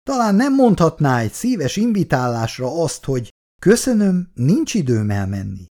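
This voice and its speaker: A man reading aloud, voicing a gruff, combative middle-aged father who grumbles. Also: a little high, very animated, darkish tone, voice pushed up.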